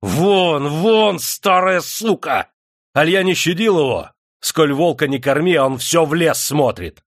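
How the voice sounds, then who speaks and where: A haughty, cruel old noble lord bellowing in fury, his voice thrown high and loud, as a man acts him out. Some words are dragged out slowly with contempt. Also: lively intonation, no room sound, studio quality. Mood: furious. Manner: loud, furious shouting.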